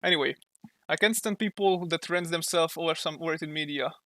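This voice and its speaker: Young hungarian guy streaming art, talks and draws, hunts for english words now and then, sharp tense voice. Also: on the high side, a little fast, dry recording. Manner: thinks aloud, sometimes searches for English words. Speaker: streamer and comic artist. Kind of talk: casual livestream chat while drawing.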